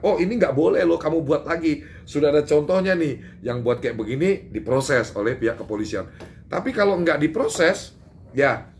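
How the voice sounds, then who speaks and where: An Indonesian man makes an emphatic statement to reporters, his voice rising as he drives each point home. He stumbles over fillers and restarts. A faint noise sits behind him. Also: medium pitch. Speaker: public figure giving a press statement. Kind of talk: doorstop interview with reporters.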